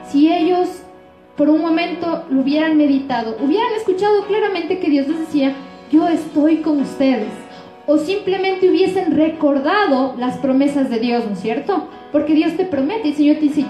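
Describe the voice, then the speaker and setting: Female Ecuadorian pastor preaching to her congregation, high and warm, in a roomy hall. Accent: Ecuadorian Spanish. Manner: frequent rhetorical questions to the congregation. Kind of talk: sermon.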